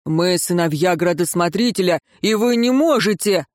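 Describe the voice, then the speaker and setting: A man's voice: high-pitched, normal speed, no echo, studio quality, close to an everyday voice. A man reading an audiobook and voicing an arrogant young nobleman who speaks haughtily. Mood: indignant.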